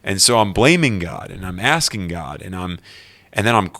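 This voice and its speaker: Low-voiced man telling a personal story. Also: normal speed. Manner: earnest, animated storytelling. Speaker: guest.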